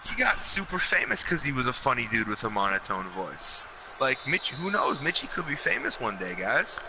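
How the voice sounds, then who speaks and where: A young man doing color commentary on a video game, rambling in an animated way and laughing easily. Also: mid-range voice, moderate pace. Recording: audible background noise.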